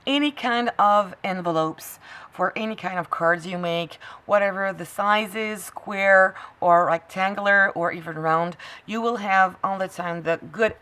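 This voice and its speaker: A woman's voice: medium pitch, unhurried, sharp tone. A woman from France with a French accent, hosting a casual craft tutorial in a chatty, rambling way with many fillers.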